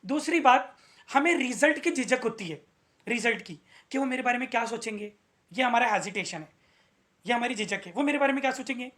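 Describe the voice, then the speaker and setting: A man's voice: very high-pitched, moderate pace, pushed and bright. A male English teacher giving a motivational video lesson, earnest, repeating his key points and asking rhetorical questions.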